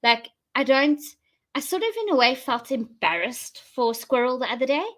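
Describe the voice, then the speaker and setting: South african lady chatting live to her viewers, highish voice, rambles and thinks out loud. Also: very animated, brisk. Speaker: host of a live online show. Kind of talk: casual live chat to viewers.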